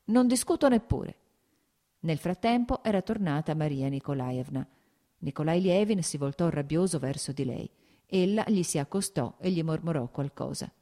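A woman narrating a classic novel as an audiobook in a steady, measured reading. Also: low voice. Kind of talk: scripted narration.

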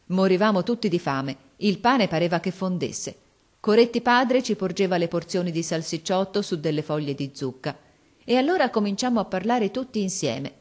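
A woman reading a classic children's story aloud as narrator, in a measured, expressive way. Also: on the low side. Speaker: audiobook reader. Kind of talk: scripted narration.

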